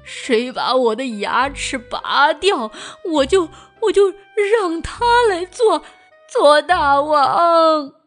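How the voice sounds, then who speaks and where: A woman's voice: sits high, sing-song, extremely slow, long pauses, full character voice. Woman voicing a big boastful male tiger, whiny groans, children's storybook reading, faint background music. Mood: pained groaning. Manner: whining and groaning in pain.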